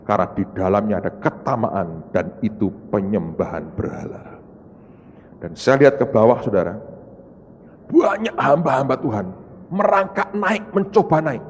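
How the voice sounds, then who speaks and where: A man's voice: sing-song, normal speed, husky. A man from Indonesia, preaching a dramatic sermon and acting out the people in his story. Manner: dramatic storytelling, voicing others in rising high-pitched outbursts and repetitions. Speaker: pastor. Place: large church. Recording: long reverb of a large church hall.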